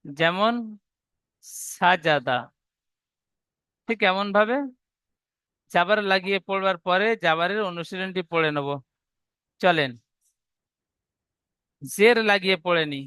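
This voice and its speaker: Man teaching an online class, high bright voice, drags out each letter when he spells. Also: smooth, dry recording. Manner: slow drawn-out spelling, then brisk explaining. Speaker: Arabic reading teacher.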